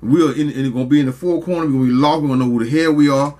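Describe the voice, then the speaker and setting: A man's voice: mid-range voice, very fast, dark tone. A man preaching scripture in a drawling, scornful way. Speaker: street preacher. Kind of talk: street preaching.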